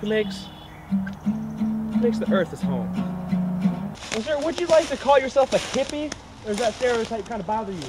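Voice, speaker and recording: A man's voice: very high voice, big pitch swings, normal speed, long pauses. A man putting on a folksy rural male reporter for a mock old newsreel broadcast, announcing with a hokey country drawl. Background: loud acoustic guitar music.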